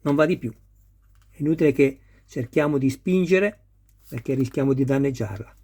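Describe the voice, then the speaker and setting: In a warm, medium-pitched voice at a moderate pace, a man guides viewers through building a scale model car. As a model kit builder, he patiently covers each detail of the hands-on assembly.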